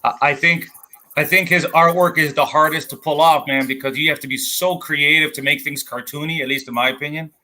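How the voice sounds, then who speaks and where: A man's voice: on the high side, steady tone, a little fast, bright, forceful tone. A man with a Wisconsin accent on a comics panel, talking in a stern, matter-of-fact way and often restarting his sentences. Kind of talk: casual panel chat.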